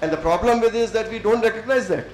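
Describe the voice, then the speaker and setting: A man's voice: high voice, fast, darkish tone, a little hiss or hum. Indian man lecturing in an echoey hall. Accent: Indian English. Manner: thoughtful, many fillers, switches into Hindi. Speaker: civil servant speaker. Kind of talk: lecture to students.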